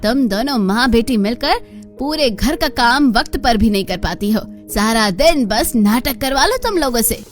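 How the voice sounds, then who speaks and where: A woman voicing a bossy, harsh middle-aged aunt in a cartoon, scolding and shouting insults. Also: high voice, normal speed, soft background music. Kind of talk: cartoon voice acting.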